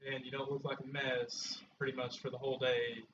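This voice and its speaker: A man's voice: medium pitch, level tone, a little fast. Dry-witted man heard from afar. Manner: dry, wry asides. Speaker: fellow soldier. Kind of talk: casual chat. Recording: distant, muffled mic with clear hiss.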